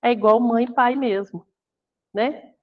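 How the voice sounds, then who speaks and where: A Brazilian woman with a fairly high voice gives a spiritist lecture in a relaxed, conversational way. She slips into the voices of the people she quotes. The recording sounds dull and lo-fi. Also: measured pace. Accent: Brazilian Portuguese. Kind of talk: spiritist talk.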